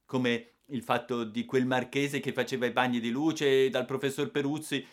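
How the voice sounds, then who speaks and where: A mischievous young boy pleads his case with loud indignation, as a male audiobook reader puts him on. The voice sits high and swoops a lot. He sounds wounded and defiant at once, like a storybook rascal. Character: cheeky young boy, defiant and self-pitying. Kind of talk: audiobook character voice.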